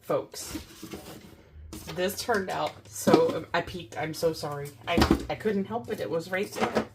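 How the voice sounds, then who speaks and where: A middle-aged woman hosting a casual DIY crafting vlog from a home craft room, gushing and excited as she talks to her viewers. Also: fairly low pitch, slow pace, very noisy. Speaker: crafting channel host.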